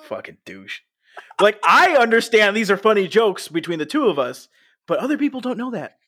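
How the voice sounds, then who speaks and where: A young man with a high voice that swings widely in pitch, talking casually on a podcast. He sounds wry and exasperated and laughs often. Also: sing-song, moderate pace, sharp tone, breathy edge. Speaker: podcast co-host.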